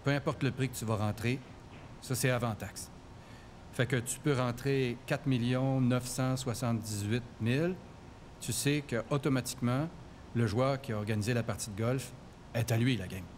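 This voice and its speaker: A man with a Québécois accent, his voice electronically disguised and pushed deep so he can't be recognized. He answers interview questions bluntly and plainly, sitting at a middle pitch before the filter, with a faint rumble of noise behind him. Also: normal speed, a little mellow. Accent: Québécois French. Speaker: anonymous contractor, interviewee.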